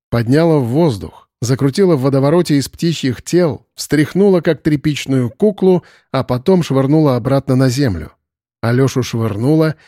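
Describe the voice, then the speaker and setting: A man narrating a dark fantasy audiobook in a measured, dramatic reading. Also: medium pitch, no room sound, clean studio sound.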